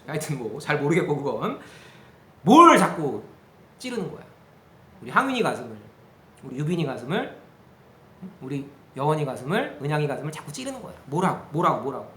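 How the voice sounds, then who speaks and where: Animated man preaching in an echoey room. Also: a little high, brisk, pauses often. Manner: animated, asks the group questions, acts out quotes. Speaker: pastor. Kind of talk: sermon to a youth group.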